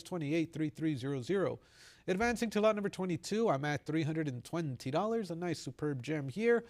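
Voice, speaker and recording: Casting: man, auctioneer, slightly high voice with strong creak, steady formulaic bid-calling delivery. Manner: auctioneer's repetitive formulaic chant of prices and bid calls. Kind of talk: live auction calling, brisk running bid patter.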